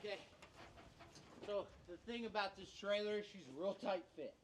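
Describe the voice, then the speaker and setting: A man's voice: high voice, normal speed, very noisy. A man hosting a shop vlog, joking and laughing with his crew while he directs the work. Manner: jokey, laughing, excitable. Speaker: vlog host working with a crew. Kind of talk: casual shop talk. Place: shop and yard, outdoors at times. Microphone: worn mic he is unsure picks him up.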